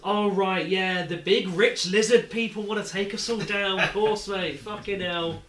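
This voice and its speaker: A man voicing a scornful male pub drinker who talks in a loud, sarcastic way. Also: high voice, steady tone, unhurried, distant mic, pitched above the performer's own voice. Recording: echoey room with faint music.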